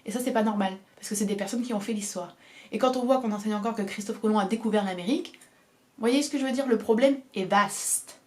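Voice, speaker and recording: A woman's voice: medium pitch, quick pace, a little mellow. A young woman from southern France with a southern French accent, giving an earnest, emphatic opinion monologue and repeating her key phrases. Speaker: video essayist.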